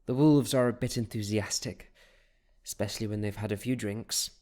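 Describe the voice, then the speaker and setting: A man voicing a quick-witted young woman who tends bar in a tavern, his voice lifted and teasing. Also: lowish voice, mellow, close to an everyday voice. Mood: lightly teasing.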